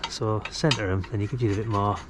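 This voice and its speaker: Outdoors beside a brick house wall, a middle-aged man films a DIY video about his amateur radio hobby. His lowish voice keeps a steady tone and runs a little fast as he rambles, thinking aloud in a laid-back, colloquial manner. Ambient traffic makes the recording noisy.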